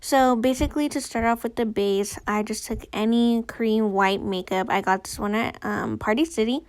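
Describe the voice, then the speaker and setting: A woman's voice: a little high, moderate pace, clear, resonant tone, low-quality recording. A woman with a noticeable lisp from a retainer, narrating a makeup tutorial in a casual, chatty, informal way. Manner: chatty, informal, girlfriend-to-viewer talk.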